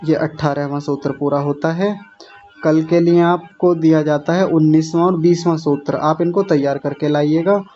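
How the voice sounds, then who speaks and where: A man teaching a class, drilling each word slowly syllable by syllable and correcting his learners' pronunciation. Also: a little high, steady tone, warm tone. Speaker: teacher of a Sanskrit recitation class. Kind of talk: online class teaching recitation. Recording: dull lo-fi sound with faint music.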